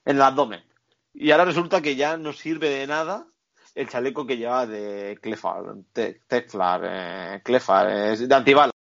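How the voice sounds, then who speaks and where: A man's voice: medium pitch, moderate pace, gravelly. Guy ranting through a movie plot, swears a lot, keeps saying vale, mid voice, kinda muffled recording. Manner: animated, profane, tags lines with "¿vale?". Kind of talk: casual film recap.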